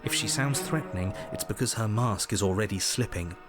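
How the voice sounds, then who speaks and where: A man voicing a condescending, pompous narrator who speaks in a measured, persuasive way. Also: fairly low pitch, natural voice. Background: game music.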